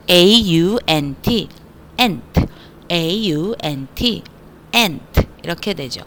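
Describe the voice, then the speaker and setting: A woman teaching English spelling to young students in an online lesson, playful and energetic, joking as she spells words out slowly. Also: mid-range voice, gravelly, slight background noise. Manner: playful, energetic, self-mocking asides; slows down to spell letters out.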